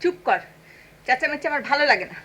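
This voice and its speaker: A woman's voice: high voice, lively intonation, quick pace, sharp tone. An actress playing an irritable older mother in a 1980s TV drama, curt and dismissive. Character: irritable, sharp-tongued old mother.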